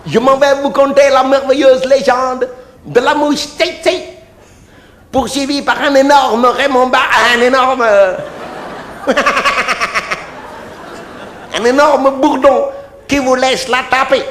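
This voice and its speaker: Slow high-pitched guy doing standup, self-mocking, roomy sound. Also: level tone, a bit bright. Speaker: stand-up comedian. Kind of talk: stand-up storytelling. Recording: roomy live venue with faint noise.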